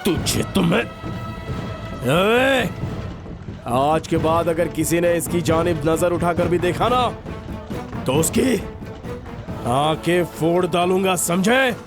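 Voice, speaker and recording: A man's voice: high-pitched, lively intonation, takes it slowly, pauses often, heavily acted. An actor dubbing a tough young man who threatens bullies in a film, with a menacing edge. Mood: furious. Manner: threatening, then wearily self-mocking. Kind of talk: dubbed film dialogue. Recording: film soundtrack with music behind.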